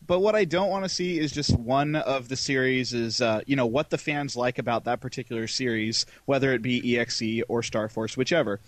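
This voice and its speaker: A man in a casual podcast chat, speaking in a measured, agreeable way with hedges. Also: medium pitch, no room sound.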